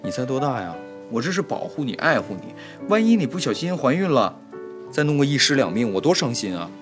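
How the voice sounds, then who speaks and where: An actor playing a flustered young master of a household in a comedic period TV drama, scolding and coaxing by turns in an exasperated way. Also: male voice, mid-range voice, big pitch swings, a little fast, natural voice. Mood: lecturing. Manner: exasperated, scolding, jumps between coaxing and alarm. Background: background music.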